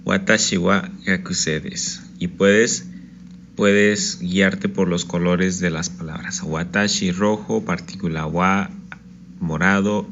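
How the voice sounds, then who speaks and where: A man's voice: low voice, fairly even intonation, slow, fairly bright tone, lo-fi sound, slight background noise. A man teaching an online Japanese lesson, patiently explaining step by step and often checking in with "ok?".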